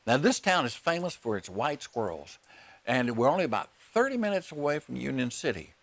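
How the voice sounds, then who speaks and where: A man's voice: mid-range voice, sing-song, fairly quick, fairly bright tone. A man hosting a show and interviewing people in an upbeat, presenting way. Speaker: show host. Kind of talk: hosted tour interview.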